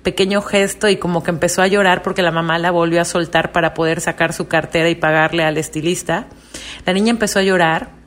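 Woman, podcast monologue, earnest, confiding, lowish voice. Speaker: podcast host.

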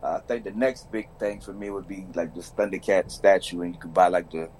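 A man chats as a podcast guest in a fairly low voice. His delivery is colloquial and laid-back, with slight noise in the background. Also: fairly even intonation, a little fast, a little mellow, rough recording. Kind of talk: casual chat.

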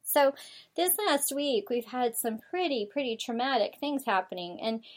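A woman's voice: a little high, lively intonation, normal speed. A woman from the United States hosting her own talk show, rambling through her thoughts with many fillers and restarts. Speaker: show host. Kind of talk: casual talk show monologue.

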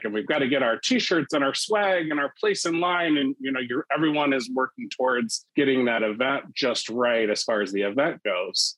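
A man speaking as a panelist, telling workplace stories in a measured, reflective way with frequent "you know" fillers. His voice sits in a middle pitch range. The sound is dry and close, with no room echo. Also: fairly bright tone. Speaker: ERG leader, panelist. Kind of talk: live panel discussion.

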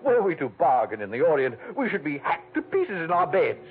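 An actor playing a pompous, fussy gentleman broker with florid formal speech, in 1940s radio acting. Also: on the high side, wildly swooping pitch, brisk, slight background noise. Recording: tinny old radio broadcast.

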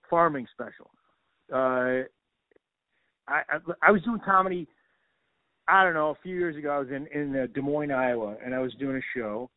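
A man's voice: mid-range voice, no room sound. A male comedian from the Midwest, chatting in a rambling, self-deprecating way with lots of restarts, over a phone line. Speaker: stand-up comedian. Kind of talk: casual phone conversation. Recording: dry tinny phone line.

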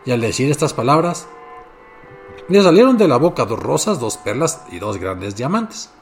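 A man narrating a fairy tale in measured storytelling. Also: medium pitch, very animated, faint music behind.

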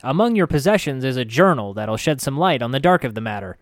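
A man's voice: mid-range voice, lively intonation, fast, dry recording, clean studio sound, pitched above the performer's own voice, lightly acted. A man reading an audiobook, voicing a floating talking skull who teases in breezy, slangy banter. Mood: teasing. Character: wisecracking floating male skull, cheeky and loyal. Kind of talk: audiobook character voice.

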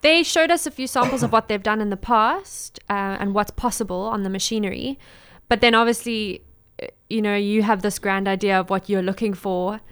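A woman's voice: mid-range voice, moderate pace, fairly bright tone, smooth. A young woman with a South African accent chatting informally as an interview guest about her own work. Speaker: interview guest, small business owner and designer. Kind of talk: casual interview chat.

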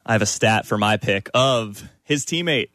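A man's voice: lowish voice, expressive, moderate pace, sharp tone, no echo. Male sports radio host, dry studio sound. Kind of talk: sports talk discussion.

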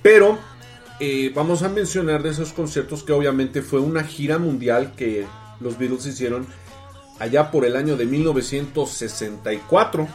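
A man's voice: mid-range voice, moderate pace, darkish tone, faint music behind. A man co-hosting a casual podcast, playful and chatty. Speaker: podcast co-host. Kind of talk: casual chat.

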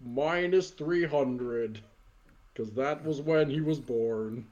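A man voicing a burly old Santa Claus who boasts and sneers through a slow, emphatic wrestling promo. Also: medium pitch, darkish tone, highs cut off, voice pushed down, natural voice. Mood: boastful, scornful.

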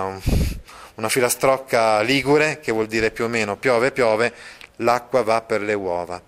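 A man giving a literature lesson, reading passages aloud and explaining them patiently, with many drawn-out fillers. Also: mid-range voice, fairly bright tone. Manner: explains patiently, checks in with listeners. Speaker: literature teacher.

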